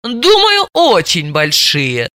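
A woman's voice: medium pitch, huge pitch swings, takes it slowly, bright, forceful tone, dry recording, studio quality, full character voice. A woman voicing a composed, courteous female psychoanalyst with a coolly ironic, mocking politeness.

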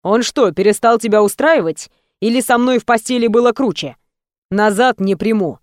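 A woman reading an audiobook and voicing an angry, jealous young man who speaks in curt, gruff, scornful bursts. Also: a little high, normal speed, no room sound, studio quality, close to an everyday voice. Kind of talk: audiobook character voice.

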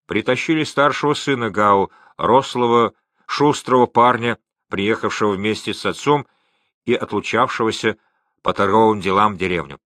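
Slow, expressive male audiobook narrator. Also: on the low side, dry recording, studio quality. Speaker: audiobook reader. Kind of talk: scripted narration of a novel.

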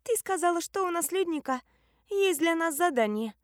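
A woman's voice: very high voice, animated, moderate pace, no room sound, studio quality, voice pushed up. A woman voicing a small, jealous, spiteful young woman from a sect, hissing and snapping in an audiobook. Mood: suspicious. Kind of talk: audiobook character voice.

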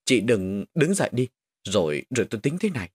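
A man voicing a calm, practical middle-aged neighbor woman who speaks slowly. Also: on the low side, slightly rough, no echo. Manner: slow, measured.

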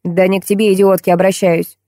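A woman reading an audiobook voices a rude, boorish rich man who shouts and insults. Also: medium pitch, flat delivery, fairly quick, no echo, studio quality, close to an everyday voice. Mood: rude, demanding.

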